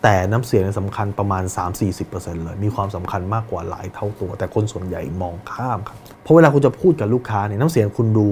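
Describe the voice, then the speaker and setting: Male business coach host, brisk delivery, mellow dark tone, faint ambience behind. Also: lowish voice, expressive, slight background noise. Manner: direct, addresses listener, demonstrates tones of voice. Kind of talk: instructional podcast monologue.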